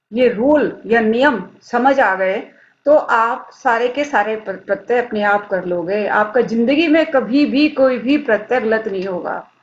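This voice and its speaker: A woman teaches a grammar lesson in a fairly high voice and speaks very slowly and deliberately. She asks her pupils questions and then answers them herself. The audio is dull and lo-fi. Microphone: screen-recorded lesson.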